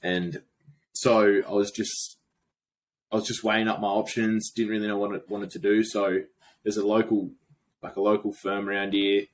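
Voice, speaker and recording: A man's voice: lowish voice, slight background noise, poor audio. A young man with a broad Australian accent, a podcast guest chatting in a blokey, slangy, informal way. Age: young adult. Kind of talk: casual chat.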